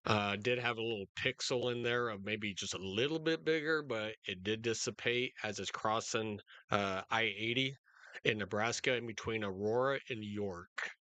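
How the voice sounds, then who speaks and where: A man hosting live storm coverage in a casual, unscripted, halting way, speaking directly to his viewers. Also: lowish voice, sharp tone, no room sound. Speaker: storm-coverage livestream host.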